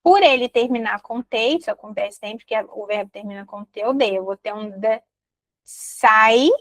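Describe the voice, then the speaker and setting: A young woman with a Brazilian Portuguese accent teaching an online English lesson in a lively way, slowing down to model English words carefully. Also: on the high side, dry recording, poor audio.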